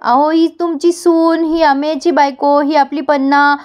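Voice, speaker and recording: A woman voicing a gentle, worried older woman in her sixties who pleads softly in a retold serial. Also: high voice, little pitch movement, unhurried, pitched above the performer's own voice.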